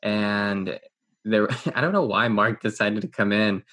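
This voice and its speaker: A young man co-hosting a podcast, recalling stories in a relaxed, hesitant way. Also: on the low side, unhurried. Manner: relaxed, hesitant recollection with fillers and restarts. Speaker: podcast co-host. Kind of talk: casual chat.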